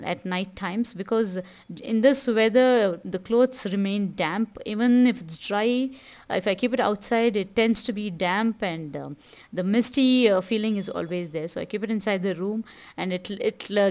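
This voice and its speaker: A middle-aged woman speaks English with a Tamil accent at a medium pitch. She narrates a household vlog casually, explaining each small chore in a chatty, informal way. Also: darkish tone. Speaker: home vlogger.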